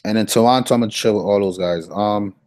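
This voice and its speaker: A man's voice: on the low side, quick pace, a little mellow, no echo. A man giving a casual fantasy sports breakdown, thinking aloud and repeating his picks. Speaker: daily fantasy sports analyst.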